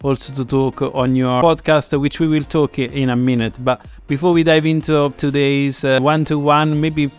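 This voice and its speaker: A man's voice: mid-range voice, little pitch movement, normal speed, hardly any pauses, smooth, faint music behind. A man hosting an interview over a video call, polite and hesitant, with many fillers. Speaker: host.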